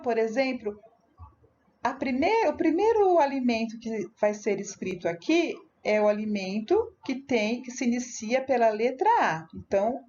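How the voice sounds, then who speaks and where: Speaking with a Brazilian Portuguese accent, this Brazilian woman teaches primary school, patiently taking a young pupil through worksheets during a recorded remote lesson. She is slow, addresses the child directly, and uses tag questions. Her voice is fairly high and dark in tone, the highs are cut off, and there is a little hiss or hum.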